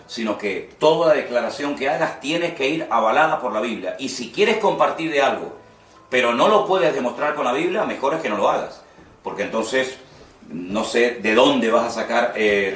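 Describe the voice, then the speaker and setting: A man's voice: medium pitch, a bit bright. Emphatic man teaching preaching. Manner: emphatic, instructive, repeats key words. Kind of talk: homiletics class lecture. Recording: echoey room, mic at a distance.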